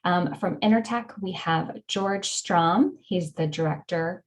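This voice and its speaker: A woman's voice: on the low side, takes it slowly, poor audio. A woman opening a webinar as host, upbeat and friendly, with frequent ums. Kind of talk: scripted webinar introduction.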